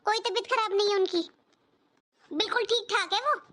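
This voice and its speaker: A woman voicing a quick-tempered young married daughter in a cartoon who argues defensively with her mother. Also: extremely high pitch, pushed and bright. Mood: indignant. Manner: indignant, defensive. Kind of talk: cartoon voice acting.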